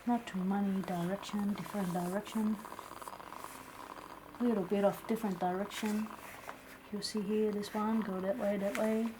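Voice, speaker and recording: A woman playing a blunt, teasing palm reader in an ASMR role-play, with a Singaporean or Malaysian English accent, clipped grammar and deadpan, musing delivery. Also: mid-range voice, moderate pace, long pauses, lightly acted. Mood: pondering, teasing. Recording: clear steady background noise.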